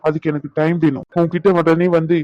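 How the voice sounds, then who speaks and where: A man's voice: a little high, level tone, fast talker, no room sound, natural voice. A man playing a hurt, stern young husband. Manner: stern, wounded lecturing. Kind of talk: Tamil audio drama acting. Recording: dull, lo-fi dry recording.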